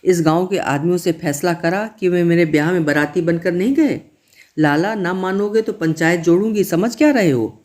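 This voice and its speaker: A man's voice: sits high, moderate pace, darkish tone, voice pushed up, lightly acted. A man voicing a defiant village woman who fiercely challenges her in-laws, in a read-aloud story.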